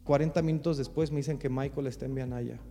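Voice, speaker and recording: A pastor with a Mexican accent tells a story in an animated way. He acts out the dialogue and fills his speech with fillers. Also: mid-range voice, quick pace, long reverb tail, soft background music. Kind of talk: storytelling testimony.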